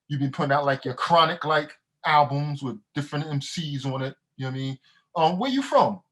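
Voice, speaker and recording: Slightly high-pitched male host, easygoing and slangy, keeps the talk flowing. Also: animated, fairly quick, a bit bright. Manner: laid-back, slangy, affirming. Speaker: podcast host. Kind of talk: casual interview.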